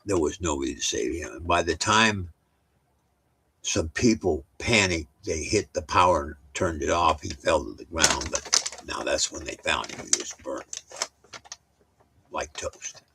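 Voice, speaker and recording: A man's voice: a bass voice, animated, a little slow, creaky, bright, forceful tone, slightly rough, poor audio. An older man telling family stories at home in a rambling, casual way, with many restarts and side remarks. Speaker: storyteller.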